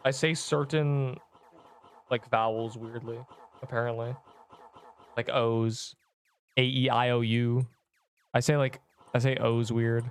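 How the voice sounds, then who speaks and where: A young Canadian man with a subtle accent chats casually while live-streaming a game, rambling and interrupting himself. His medium-pitched voice has little pitch movement, and he speaks slowly with frequent pauses. The tone is clean.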